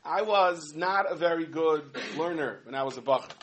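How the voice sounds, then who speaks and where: A man giving a humorous sermon, telling stories in an animated way with many asides. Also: a little high, normal speed. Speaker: rabbi giving a talk.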